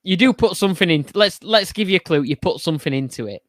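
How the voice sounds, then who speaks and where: Pub quiz host, laughs a lot, hedges every clue, dry close sound. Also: male voice, high voice, expressive, fast, no echo. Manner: giggly, hedging, rambling clue-giving. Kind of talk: casual pub chat podcast.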